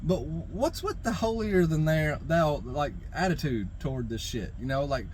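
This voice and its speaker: Casting: male vlogger with a slightly high voice, exasperated off-the-cuff rant, heavy profanity, stumbling repeats, noisy background. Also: animated, moderate pace, darkish tone. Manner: exasperated, rambling, profanity-laden ranting; repeats and stammers over phrases while hunting for words. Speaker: knife review vlogger. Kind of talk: unscripted opinion rant to camera.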